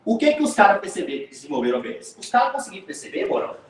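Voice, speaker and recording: A man teaching physics in an online class, lively and joking, speaking with a Brazilian Portuguese accent and calling students by name. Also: high voice, very fast, roomy sound, recorded from a distance, a little hiss or hum, poor audio.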